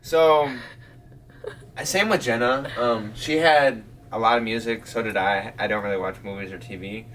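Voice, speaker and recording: A man's voice: fairly low pitch, normal speed. A young man co-hosting a casual podcast chat, telling stories animatedly with many fillers. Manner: animated storyteller, lots of "like". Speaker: podcast co-host. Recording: distant mic, faint room noise.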